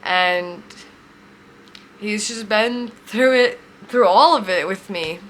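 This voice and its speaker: A woman in her twenties telling a heartfelt personal story, emotional and near tears, speaking haltingly. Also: mid-range voice, fairly bright tone, slight background noise. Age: 20s. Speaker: vlogger.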